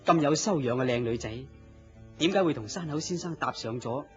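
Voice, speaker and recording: In a muffled, lo-fi radio drama with music underneath, an actor with a Hong Kong Cantonese accent voices a polite, bashful man wooing his boss's mistress. His fairly high, expressive voice moves a little fast and stays close to ordinary speech, sounding deferential and hesitant, with sympathy and a touch of envy.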